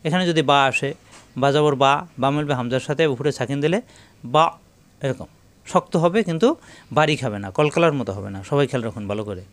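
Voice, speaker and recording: A man teaching Arabic letters in a step-by-step lesson, repeating syllables slowly in drills. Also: mid-range voice. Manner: repeats syllables in slow drills and tells viewers to take note. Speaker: Quran reading teacher.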